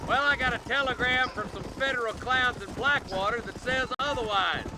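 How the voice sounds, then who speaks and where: An actor voicing a gruff frontier marshal, commanding and plain-spoken. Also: male voice, extremely high pitch, moderate pace, low-quality recording. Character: gruff small-town marshal leading a posse.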